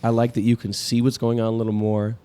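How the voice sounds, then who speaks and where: A young man co-hosting a coffee podcast, bantering with deadpan, goofy humor and talking through brewing gear. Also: medium pitch, fast, smooth. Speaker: podcast co-host. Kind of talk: casual chat.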